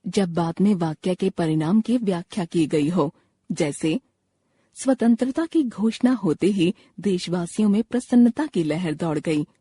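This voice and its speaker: A woman reading a grammar textbook lesson aloud, slow and explanatory. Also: on the low side, animated, warm tone, slightly rough. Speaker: textbook narrator.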